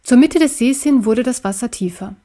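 A woman reads a children's story aloud in a calm, even storytelling tone. Her voice sits somewhat high. Now and then she drops into a soft whisper. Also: normal speed. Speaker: story narrator.

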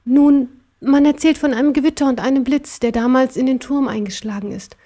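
A woman reading a storybook aloud, voicing a sad, gentle cuddly cat with a soft, hesitant, sweet voice. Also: high-pitched, fairly even intonation, fairly quick. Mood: wistful.

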